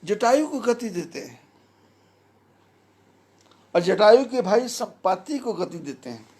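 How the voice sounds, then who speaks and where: A man giving a devotional discourse as a spiritual teacher, preaching in a measured, emphatic way with recited verses. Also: sits high, big pitch swings, a little mellow, breathy edge.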